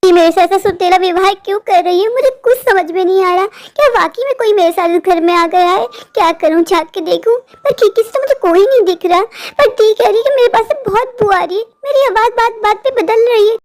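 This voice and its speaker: A woman's voice: extremely high pitch, a little fast, few pauses. A woman voicing a scared, naive young unmarried woman in a cartoon, rambling to herself in a fretful way. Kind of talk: cartoon voice acting.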